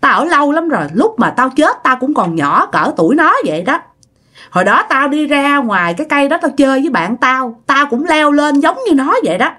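A woman voicing a lonely, gruff but kind ghost of a boy who died young, with a blunt, rough way of talking. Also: high-pitched, sing-song, fairly quick, bright, forceful tone, pitched above the performer's own voice, full character voice. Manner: blunt and rough-spoken, pleading at times.

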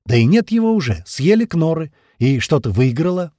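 Proud jealous queen, read by a male narrator, lifted pitch, imperious. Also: very animated, normal speed, warm tone, no echo, clean studio sound. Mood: indignant. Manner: indignant, commanding, pleading at times.

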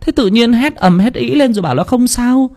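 A man's voice: very high-pitched, lively intonation, fairly quick, darkish tone, pitched above the performer's own voice. A man voicing a worried elderly mother in an audiobook, anxious and scolding. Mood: fretful.

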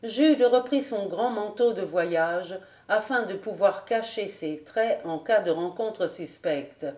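A woman narrating an audiobook in a slow, measured, deliberate reading. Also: mid-range voice, darkish tone. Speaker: audiobook reader. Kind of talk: scripted narration. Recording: roomy echo.

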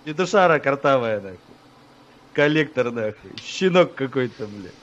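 Taunting prank caller on a lo-fi line. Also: male voice, medium pitch, animated, moderate pace, a bit bright. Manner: taunting, crude, mocking, laughs at his own insults. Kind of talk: abusive prank phone call. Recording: dull lo-fi phone audio.

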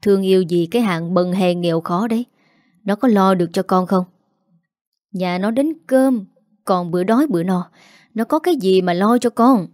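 A woman voicing a stern, scornful rich old father in a spoken story, with little change from her own mellow voice. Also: mid-range voice, normal speed, no room sound, clean studio sound, lightly acted. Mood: scolding.

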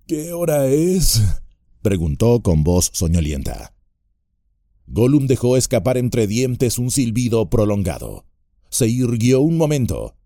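Deep-voiced man narrating an audiobook. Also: dry recording, studio quality. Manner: measured, expressive storytelling.

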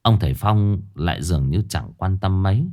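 A man narrating a ghost story in a lively, folksy, expressive way. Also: sits low, moderate pace.

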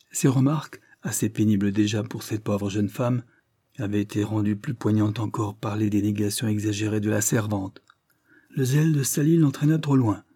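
A man narrating a classic novel as an audiobook, in a measured, even delivery. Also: lowish voice, husky.

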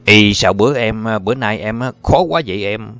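A man's voice: fairly low pitch, expressive, normal speed, fairly bright tone. A man doing a swaggering, boastful big-brother type. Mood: bossy. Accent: Southern Vietnamese. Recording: muffled with faint music.

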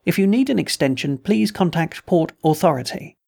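A man voicing a small, damp alien customs official who speaks formally and croaks. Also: on the high side, expressive, moderate pace, a little mellow. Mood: courteous. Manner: formal, courteous.

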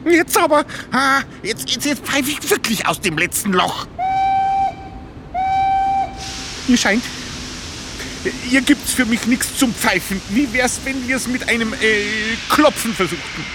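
A man's voice: very high-pitched, animated, measured pace, heavy background noise. An actor playing Kasperl, a cheeky, talkative male puppet jester who chats and argues with himself in a children's radio play. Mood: curious. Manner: chatty, argues with himself, playful. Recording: radio play with music behind.

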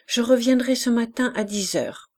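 A woman's voice: a little high, normal speed, pitched above the performer's own voice, close to an everyday voice. A woman reading an audiobook voices a grave male doctor who earnestly reassures a worried mother. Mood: earnest reassurance.

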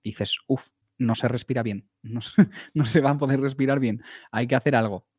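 Spanish man, casual podcast talker, animated and jokey, dry close sound. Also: mid-range voice, normal speed, breathy edge, no room sound. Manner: animated storyteller, laughs often, swears casually. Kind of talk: casual chat.

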